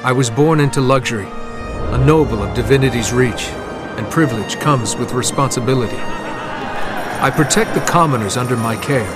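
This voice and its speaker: An earnest young noble hero from a video game, played by a man, vowing to protect his people. His mid-range voice stays solemn and steady. A loud music score sits under his words. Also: medium pitch, measured pace, natural voice. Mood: resolute. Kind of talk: video game cutscene narration.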